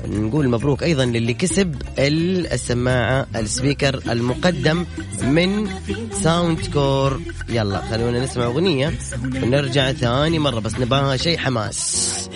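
A man's voice: medium pitch, animated, normal speed, over music. A man with a Saudi accent hosting a call-in radio show, playful and effusive with callers as he announces prizes. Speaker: radio host. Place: radio studio with music playing behind.

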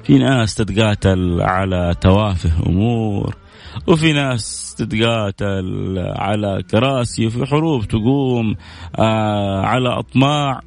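A man's voice: fairly low pitch, gravelly, a little mellow. A man hosting a religious program, giving an earnest sermon-style talk and repeating phrases to drive his points home.

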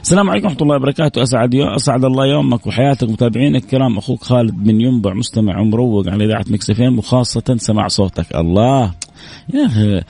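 A man hosting a call-in radio show, his voice hoarse, reading out listener messages with devout phrasing. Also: medium pitch, rapid-fire. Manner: reads listener messages aloud, warm religious phrasing.

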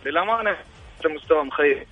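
A man from Jeddah, calling in by phone to argue his points rapidly, over a bad phone connection that keeps cutting out. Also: on the high side, animated, slightly rough, faint music behind. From Jeddah, Saudi Arabia. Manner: rapid, argumentative, stacks points. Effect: bad phone connection that cuts out. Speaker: caller. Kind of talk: phone-in sports opinion. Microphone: phone call. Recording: muffled, cutting-out phone line.

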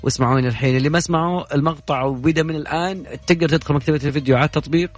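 A man's voice: on the high side, fairly even intonation, rapid-fire, faint music behind. A man with a Saudi Gulf accent hosting a call-in radio show, chatting and joking with callers. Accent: Saudi Gulf Arabic. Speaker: radio host.

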